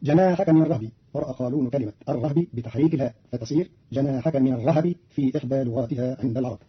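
Male radio presenter, brisk and husky, methodical explanations, muffled vintage recording. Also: mid-range voice. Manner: measured, precise explanation with quoted verses. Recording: dull old radio broadcast.

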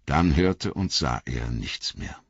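Low, husky male narrator, slow and expressive, for dramatic audiobook reading. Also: no echo, highs cut off. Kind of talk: scripted narration.

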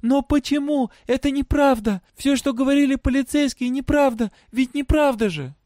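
A man voicing a bold, desperate young girl who searches for her father, with shrill, urgent shouting. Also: moderate pace, no echo, clean studio sound. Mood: distraught pleading.

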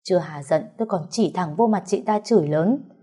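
A woman tells a family drama in the first person, her voice low and slightly husky. Her tone is mellow and unhurried in narration. She throws herself into the quarrels with heated bursts.

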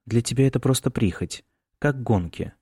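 A man voicing an anxious middle-aged mother who speaks quietly and with strain. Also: mid-range voice, normal speed, husky, dry recording, studio quality, pitched above the performer's own voice, close to an everyday voice. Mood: worried, reproachful.

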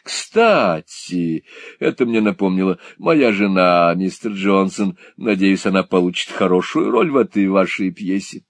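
A man's voice: deep voice, a little slow, no echo. A man voicing a brash, swaggering stage actor who speaks in theatrical exclamations. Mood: hearty.

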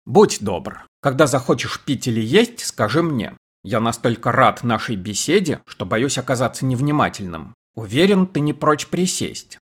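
A polite, relentless interrogator, read by a male audiobook narrator, pressing question after question with a calm, courteous edge. The voice is a mid-pitched, husky baritone that stays measured and insistent. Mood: probing.

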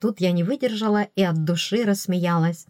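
A woman reading a novel in first person, telling the story in a lively, playful way. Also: lowish voice, normal speed, dry recording, studio quality. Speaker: audiobook narrator. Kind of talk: first-person audiobook narration.

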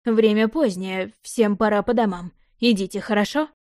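A woman voicing a timid middle-aged father who speaks quietly and hesitantly, trying to placate. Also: mid-range voice, steady tone, moderate pace, dry recording, studio quality, lightly acted. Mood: placating.

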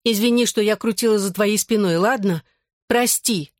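A woman's voice: medium pitch, moderate pace, dry recording, voice pushed up, natural voice. Audiobook figure: jealous, pushy young woman, snappish and whiny, put on by the narrator; dry close read. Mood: pleading, spiteful. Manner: whining, snapping and pleading. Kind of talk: audiobook character voice.

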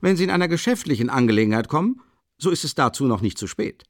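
A man's voice: mid-range voice, lively intonation, fast talker, no echo, studio quality, voice pushed up, close to an everyday voice. A man voicing a jovial, chatty middle-aged police lieutenant in an audiobook, effusive and rambling, stumbling over his words. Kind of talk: audiobook character reading.

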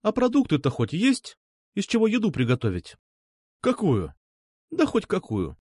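A man voicing a brisk, teasing young woman who bosses around a classmate, with sharp mocking questions. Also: high-pitched, huge pitch swings, husky, no room sound, studio quality, voice pushed up, exaggerated voice. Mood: bossy.

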